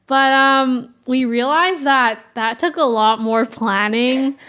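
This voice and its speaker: A young woman co-hosting a casual home podcast, relaxed and slangy, laughing often into a close mic. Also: high voice, slow, smooth. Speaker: podcast co-host. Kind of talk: casual chat. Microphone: close podcast mic without shock mount.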